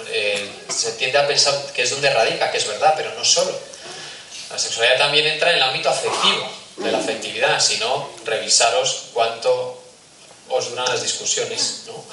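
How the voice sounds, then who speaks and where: Male speaker addressing parents, bright and forceful, chatty with asides to the audience, recorded far off in a roomy hall. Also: mid-range voice, slight background noise. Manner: conversational, asks the audience questions, acts out little scenes. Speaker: speaker giving a talk on family and faith. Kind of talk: talk to parents.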